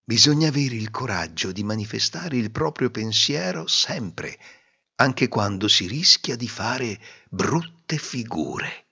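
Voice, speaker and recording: A man narrating a fairy tale in an expressive, lilting storytelling manner. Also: medium pitch, slow, creaky, breathy edge. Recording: dull recording with long reverb.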